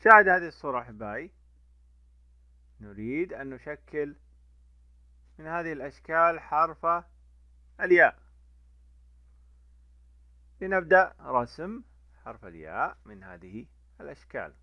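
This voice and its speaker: Man, children's teacher, lively pitch, slow repeated sounds, dry dull lo-fi recording. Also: no room sound. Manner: lively, repeats sounds slowly for young learners. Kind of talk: children's Arabic letter lesson.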